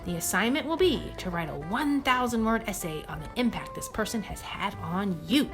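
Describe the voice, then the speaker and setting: A woman playing an encouraging, upbeat schoolteacher addressing a class in an animated film. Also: medium pitch, normal speed, music in the background, natural voice. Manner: clear instructing, addressing a class.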